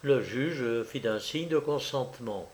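A man narrating a story as an audiobook in a measured way. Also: medium pitch. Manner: slow, measured reading.

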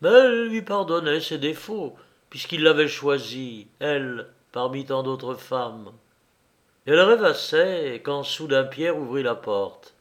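A man reading a novel aloud as narrator, in measured, unhurried storytelling. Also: on the high side.

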